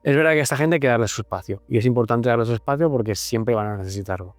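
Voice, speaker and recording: A man's voice: mid-range voice, rapid-fire, no echo, soft background music. Man, psychologist host, casual explainer, clean dry voice. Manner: explains patiently with examples and frequent tag questions.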